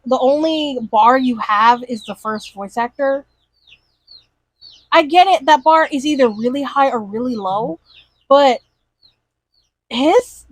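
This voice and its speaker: High-voiced woman telling a story with gusto. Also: no echo, poor audio. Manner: animated storyteller, acts out characters' lines. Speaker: podcast co-host. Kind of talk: casual chat.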